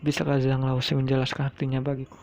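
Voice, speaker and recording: A man reading the lines of a proud, scheming young woman teacher in a flat, gravelly voice. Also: mid-range voice, fast talker, lightly acted. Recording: dull lo-fi recording.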